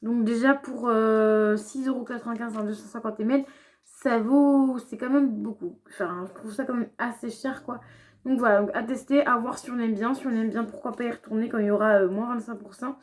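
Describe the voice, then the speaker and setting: A woman's voice: on the high side, steady tone, fairly quick, a little mellow. A young woman chatting casually through a shopping haul vlog, with lots of fillers and restarts. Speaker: beauty vlogger.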